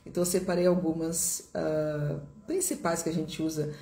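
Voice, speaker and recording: A woman teaches a live online lesson in a low, mellow voice. She explains patiently, repeating each example slowly. The room gives her voice a noticeable echo. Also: flat delivery. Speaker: English teacher.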